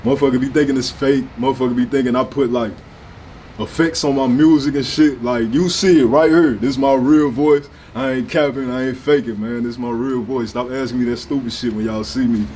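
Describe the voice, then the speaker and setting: Brash young St. rapper talking. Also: male voice, medium pitch, fairly even intonation, fairly quick, a little mellow, slight background noise. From St. Louis, USA. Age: 20s. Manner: brash, profane, slangy. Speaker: rapper, interview guest. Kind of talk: casual sit-down interview talk.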